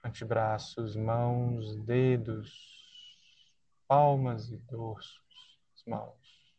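Man, Brazilian accent, guided body-scan relaxation, soothing delivery, very slow, dark mellow timbre, pauses between phrases. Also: mid-range voice, flat delivery, no echo, lo-fi sound. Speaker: guided meditation leader.

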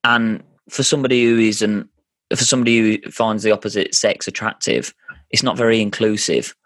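A man's voice: fairly low pitch, normal speed, fairly bright tone, dry recording, studio quality. A man in his thirties hosting a casual family chat, earnest and often restarting his sentences. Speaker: podcast host.

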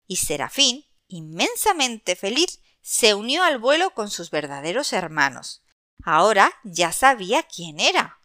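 A woman narrating a children's story expressively, addressing young listeners in an animated way. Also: medium pitch, unhurried, dry recording, studio quality.

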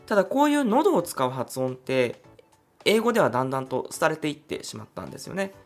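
A man's voice: a little high, big pitch swings, fast talker, faint music behind. A man hosting a solo podcast, chatty and explaining things step by step. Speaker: podcast host.

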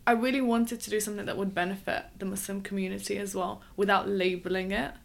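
A woman, a wedding dress designer talking as a guest in a relaxed interview, thoughtful, with frequent ums. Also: mid-range voice, fast talker, gravelly. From England. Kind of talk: conversational interview.

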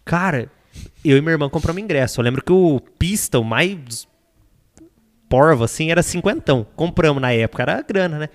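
A man tells a story at speed, his pitch leaping up and down. He laughs often and puts on the voices of the people he quotes. His voice carries a long reverb from the room. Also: lively intonation, fairly quick. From Brazil. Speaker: podcast guest, sertanejo singer. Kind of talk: animated storytelling.

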